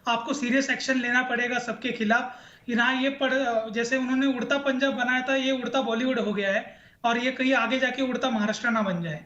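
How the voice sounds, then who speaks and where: Guest panelist, man, hesitant and pausing, roomy dull remote audio. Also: extremely high pitch, fairly even intonation, bright, forceful tone. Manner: hesitant, with many pauses and fillers. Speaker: debate panelist. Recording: echoey, dull remote feed.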